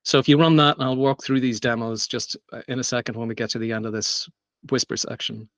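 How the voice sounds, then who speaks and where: At a meetup, a man talks through an unscripted technical presentation in a loose way, with lots of ums and restarts. His medium-pitched voice is steady, fast, and a bit bright, with no echo, though the recording sounds dull and lo-fi.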